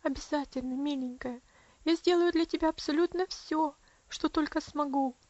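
A gentle young aunt's voice, trembling and tearful, soothing a sick child, as a woman narrator puts her on. It sits a little higher than the reader's own already high voice. The recording is close, dry and slightly dull. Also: moderate pace, dry recording, lightly acted. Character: tender, distraught young aunt.

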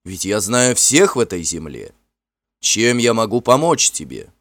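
A man voicing a proud, warm-hearted warrior chief who speaks in forceful, ringing declarations in a storybook reading. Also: fairly low pitch, sing-song, unhurried, no room sound, exaggerated voice. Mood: kindly.

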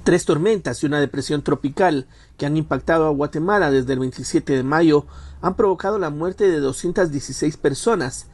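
A man's voice: on the high side, darkish tone, a little hiss or hum. A man delivering a formal news report as a radio correspondent.

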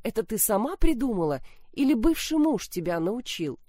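A woman voicing a worn, bitter older sister who speaks in a sharp, accusing manner, in a narrated story. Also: on the high side, big pitch swings, normal speed, dry recording, clean studio sound.

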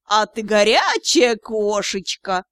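A woman's voice: medium pitch, lively intonation, fairly bright tone, no echo, clean studio sound. A woman voicing a brash, flirtatious male cat in an audiobook, purring and drawing out her words. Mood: flirting. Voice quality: purring, drawn-out.

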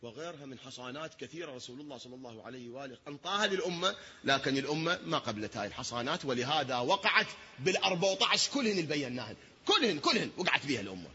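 A man preaching a sermon in an Iraqi accent, asking the listeners rhetorical questions and swinging between hushed tones and shouting. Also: mid-range voice, big pitch swings, rapid-fire. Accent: Iraqi Arabic. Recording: dull lo-fi recording.

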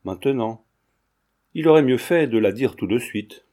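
A principled investigating judge, as a man reads him aloud in a storybook, formal and measured. The voice is mellow and dark, at a middling pitch. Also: expressive, close to an everyday voice.

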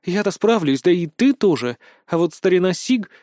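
Man voicing a sharp-tongued young woman fighter. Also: high-pitched, expressive, normal speed, no echo, studio quality. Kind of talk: audiobook character voice.

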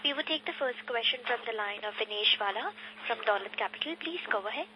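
A woman's voice: a little high, animated, quick pace. Formal woman operator, noisy phone line. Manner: formal, polite. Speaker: conference call operator. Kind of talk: scripted call moderation. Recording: noisy telephone line with clicks.

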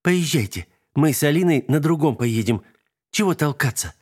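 A man's voice: on the high side, lively intonation, moderate pace, slightly rough, voice pushed up. A man voicing a stern, irritable mother who scolds and grumbles in a storybook reading. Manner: sharp, scolding, sarcastic.

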